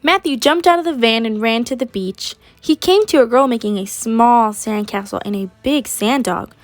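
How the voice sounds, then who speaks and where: With a fairly high voice at a normal pace, a late-teen high school senior animatedly reads a picture book to listeners, voicing each character. The recording is dry, with faint music behind her.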